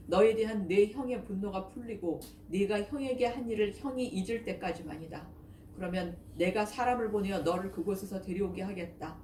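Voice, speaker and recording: A woman's voice: medium pitch, dark tone, close to an everyday voice. A woman voicing a mother who warns her son in an earnest, urgent way, in a scripture reading. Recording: echoey, distant, faint noise.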